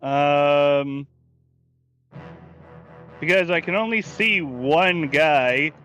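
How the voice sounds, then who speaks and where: Man, bright forceful voice, fairly high, casual tabletop player, mild swearing, faint music. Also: drawn-out words, rough recording. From California. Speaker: player in a tabletop role-playing game. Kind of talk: casual game chat.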